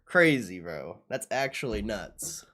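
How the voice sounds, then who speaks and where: A young man with a lowish, somewhat bright voice chats on a livestream in a slow, sing-song way, reacting to the screen. His speech is casual, slangy and sweary, with lots of repetition.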